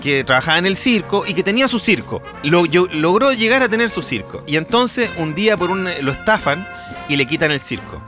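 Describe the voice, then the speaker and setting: Over music, a high-voiced Chilean man speaks fairly quickly as he co-hosts a podcast. His casual film talk is animated, and he performs characters' lines while recounting scenes.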